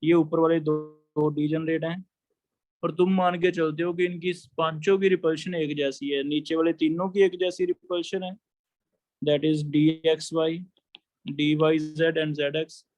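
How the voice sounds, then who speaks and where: High-voiced male chemistry teacher. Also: level tone, a little slow, darkish tone, no echo. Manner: explains step by step, asks students questions. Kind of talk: classroom lecture.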